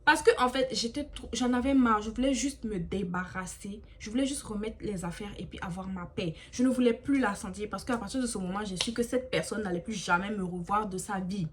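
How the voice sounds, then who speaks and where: A young woman telling a personal story in a casual vlog, animated and emphatic, acting out the dialogue. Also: medium pitch, brisk, hardly any pauses. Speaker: storyteller, channel host.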